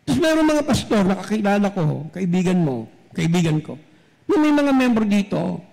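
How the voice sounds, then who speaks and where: A man's voice: high voice, big pitch swings, normal speed, vocal fry, darkish tone. A man preaching a sermon as pastor, speaking straight to his congregation and switching between Tagalog and English. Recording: long reverb from a large hall.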